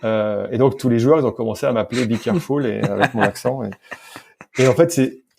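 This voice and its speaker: This Frenchman, a sports scientist and physical coach, talks casually about his work as a podcast guest in a quick, gravelly mid-range voice, with background noise audible. His storytelling is informal and colloquial, full of repeated words and self-corrections.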